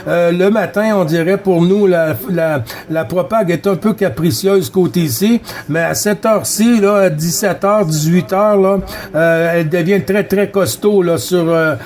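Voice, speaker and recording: An amateur CB radio operator from Quebec, Canada, speaks with a Quebec French accent in a voice that sits high and sounds a little mellow. He's unhurried while running contacts, chatting casually and repeating himself in a friendly, folksy way.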